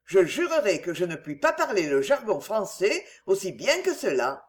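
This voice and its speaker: A woman's voice: medium pitch, sing-song, moderate pace, natural voice. A woman voicing a tall, lazy, foppish English nobleman who talks in a languid, yawning drawl. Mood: mocking.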